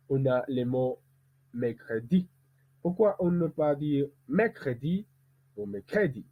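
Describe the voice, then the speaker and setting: A man who is a musician, teaching pronunciation and speaking as a learned language, who demonstrates rhythm slowly and deliberately. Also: a little high, husky. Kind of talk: explanatory lesson. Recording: tinny, phone-like sound.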